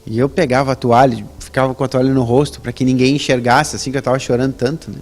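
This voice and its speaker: A man shares his personal religious testimony as an interview guest. His voice sits at an everyday middle pitch, and he tells the story in a relaxed, chatty way, rising in pitch when he stresses a point. He often tags his sentences with a quick questioning check-in.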